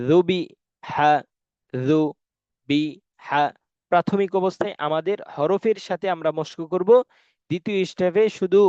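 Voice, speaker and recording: Guy teaching quran reading online, slow drilling, kinda high voice, dull dry call sound. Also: darkish tone, no room sound. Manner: slow, drilling recitation, asks and answers own questions.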